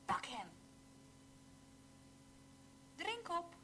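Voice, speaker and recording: Female drill reader: very slow, careful diction, highly melodic delivery. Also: big pitch swings, sharp tone, a little hiss or hum. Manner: slow, carefully pronounced sentences. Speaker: language teacher reading examples. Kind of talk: slow read-aloud language drill.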